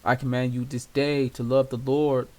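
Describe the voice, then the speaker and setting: A man's voice: medium pitch, little pitch movement, moderate pace, a little mellow. A man leading an informal Bible study, reading scripture aloud and explaining it casually with many fillers. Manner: casual and conversational, many fillers and "you know"; reads scripture aloud in old-style wording. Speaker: Bible teacher.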